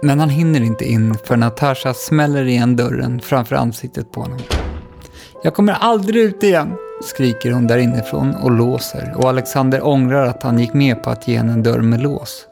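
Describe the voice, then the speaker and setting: A man narrating a children's story in a calm, even storytelling voice. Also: mid-range voice, creaky, hardly any pauses, over music.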